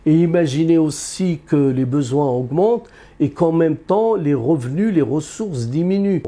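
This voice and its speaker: An economist who grew up in Algeria and has Berber roots speaks in an unscripted interview, earnest and halting, full of fillers and restarts. His voice sits on the high side, animated, with a dark tone.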